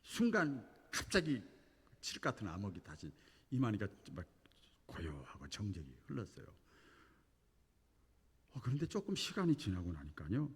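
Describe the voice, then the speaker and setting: A male pastor preaches in a husky voice that rises and falls widely in pitch. He tells his story with great animation, dropping to a near-hush and then pushing hard for emphasis. His voice carries a long reverb from the church hall. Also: moderate pace, long pauses. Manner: animated storytelling, swinging between hushed and emphatic delivery. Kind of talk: sermon. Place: church sanctuary.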